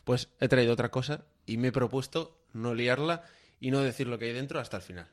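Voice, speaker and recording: Co-host, man in his thirties, mid-pitched voice, rambling jokes. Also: fairly quick. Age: 30s. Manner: rambling, jokey. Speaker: comedy podcast co-host. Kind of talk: casual comedy chat.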